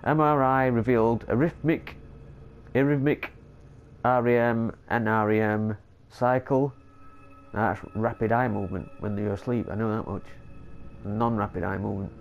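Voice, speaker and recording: A man with a stuffy cold provides laid-back let's play commentary on a horror game, tripping over long words when he reads notes aloud. His fairly low, gravelly voice keeps fairly even intonation at a moderate pace.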